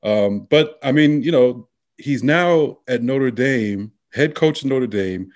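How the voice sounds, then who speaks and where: A man's voice: medium pitch, expressive, takes it slowly, a little mellow. A man co-hosting a casual sports chat, rambling along with lots of fillers and restarts. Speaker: sports talk co-host.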